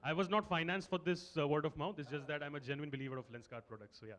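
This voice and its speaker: A man's voice: fairly high pitch, steady tone, fast, a bit bright. A man with an Indian accent, speaking as the emcee of a live event and addressing the audience.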